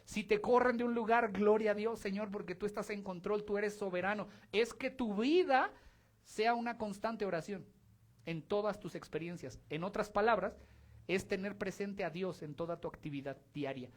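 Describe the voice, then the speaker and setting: A man with a Mexican accent preaching a sermon in church, speaking in a lively, conversational way and addressing the congregation directly. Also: high-pitched, moderate pace. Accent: Mexican Spanish.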